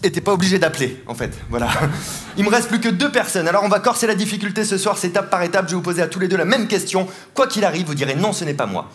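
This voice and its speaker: On a large theatre stage, a man performs a comedic mentalism act in a high, expressive, slightly bright voice at a racing pace. He teases volunteers playfully and laughs often as he talks, while the live audience laughs and applauds.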